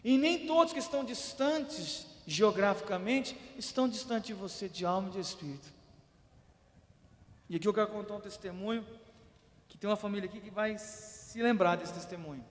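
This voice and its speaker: A man with a Brazilian Portuguese accent preaches from the pulpit, his voice sitting high for a man. He tells stories animatedly, swinging between loud and hushed and putting on the voices of the people in them. The sound rings with the long, roomy reverb of a church hall. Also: normal speed. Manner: lively storyteller, acts out quoted voices, swings loud and soft. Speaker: pastor. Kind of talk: sermon storytelling.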